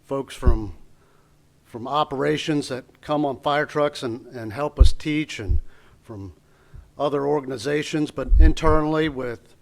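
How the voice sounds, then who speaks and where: A man's voice: medium pitch, unhurried, gravelly. A man from the training staff acting as emcee at a graduation ceremony, introducing the next segment with many restarts. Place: ceremony hall.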